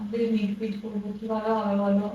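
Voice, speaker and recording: A woman's voice: medium pitch, monotone, a little fast. A young woman vlogging and chatting on a staged phone call, teasing and getting sharper when challenged. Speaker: vlogger pranking her husband. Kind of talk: casual vlog chat and staged phone call. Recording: echoey room, from far off, faint hiss.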